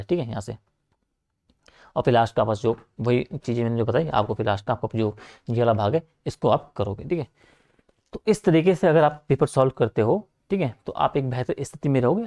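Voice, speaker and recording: Gravelly-voiced coaching teacher. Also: male voice, mid-range voice, a little mellow. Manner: repetitive, checks in with frequent "theek hai"; direct, urging students to keep writing. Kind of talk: casual online class lecture.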